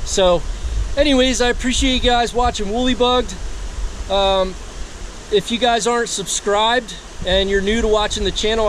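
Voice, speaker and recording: A man in his forties with a high voice speaks to a camera held at arm's length. He sounds relaxed and rambles, with plenty of ums and uhs. Faint outdoor hiss sits under his voice beside a forest stream. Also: rough recording. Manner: relaxed, rambling, many fillers. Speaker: fly fishing vlogger. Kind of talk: casual talk to camera.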